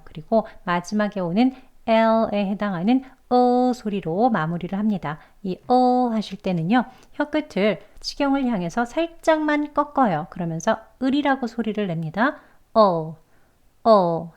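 A woman's voice: medium pitch, lively intonation, darkish tone. Patient woman teaching pronunciation. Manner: patient, demonstrates sounds slowly and repeats them. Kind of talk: step-by-step pronunciation lesson.

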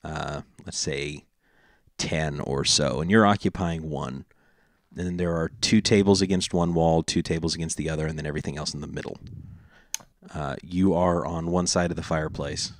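Deep-voiced man running a tabletop game. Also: steady tone, normal speed, dry recording, clean studio sound. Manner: chatty, filler-heavy, jokey asides. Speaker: game master. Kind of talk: describing a tabletop game scene.

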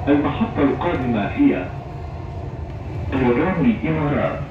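Man's echoey train announcement over the loudspeaker. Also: mid-range voice, lively intonation, normal speed. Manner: formal, evenly paced. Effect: train public address announcement. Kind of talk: automated transit announcement. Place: inside a moving metro train. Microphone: train loudspeaker heard by a phone camera. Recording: echoey, distant, muffled, noisy.

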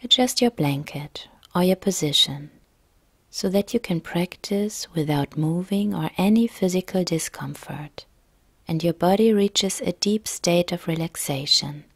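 A woman leads a guided yoga nidra relaxation meditation, her voice calm, soft, gentle and breathy. She speaks a little slowly in a lowish register, and the recording has no room sound.

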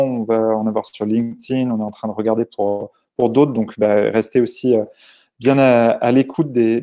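A man's voice: medium pitch, dark tone. A man moderating a live webinar, relaying audience questions with many hesitations and fillers.

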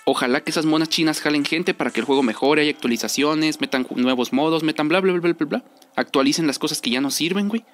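Higher-voiced Mexican man chatting over music. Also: fast talker. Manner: slangy, informal, repeats himself for emphasis. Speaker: gaming video creator. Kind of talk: casual rambling game commentary. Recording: music under the voice.

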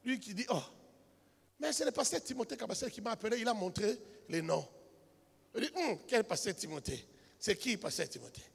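A man preaching a sermon as a pastor, telling a story quietly and then building up to shouted, half-sung exhortation. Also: high voice, animated, brisk, creaky, slightly rough. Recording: reverberant hall with music behind.

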